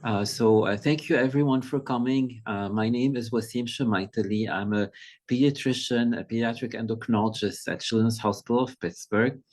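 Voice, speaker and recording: A middle-aged Lebanese man, a pediatric endocrinologist, gives an informal presentation over a video call. He speaks in a mid-range, slightly mellow voice, measured and conversational, often pausing to find his words.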